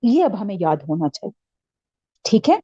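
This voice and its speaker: A woman with a Pakistani Urdu accent, teaching a Quran lesson patiently, often checking that her listeners follow and drawing out each letter slowly. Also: mid-range voice, sing-song, dark tone, husky, dry recording. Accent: Urdu-speaking Pakistani. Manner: slow drawn-out letter recitation. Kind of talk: classroom lesson. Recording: dull lo-fi sound.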